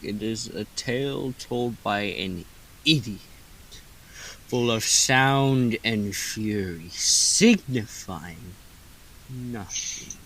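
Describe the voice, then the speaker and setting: A man's voice: lowish voice, fairly bright tone, a little hiss or hum, exaggerated voice, rough recording. A man playing a tormented, self-pitying reindeer as a tragic Shakespearean hero in a radio play, brooding melodramatically. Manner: melodramatic, brooding soliloquy with drawn-out pauses.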